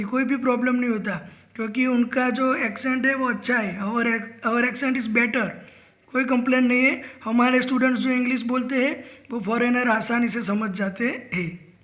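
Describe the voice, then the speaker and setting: Indian male English tutor, high voice, talks straight to students, mixes in English. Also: fairly even intonation, normal speed, fairly bright tone. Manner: addresses students directly, mixing English phrases into Hindi. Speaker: spoken English teacher. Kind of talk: explanatory lesson.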